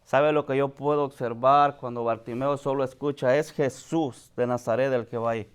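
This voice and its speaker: A man's voice: mid-range voice, fairly even intonation, moderate pace, clean tone. Impassioned man preaching a sermon. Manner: addresses the congregation directly as brother.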